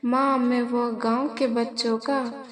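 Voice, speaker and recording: A woman's voice: on the high side, flat delivery, takes it slowly, faint music behind. A woman voicing a young male monkey son who is innocent and eager, with a pleading, childlike way of talking.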